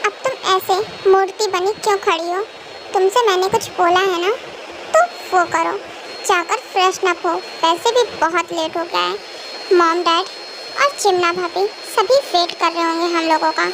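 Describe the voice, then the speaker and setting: A woman's voice: very high-pitched, steady tone, normal speed, noisy background. Woman playing a bossy young mafia king. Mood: irritated. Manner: scolding, impatient commands.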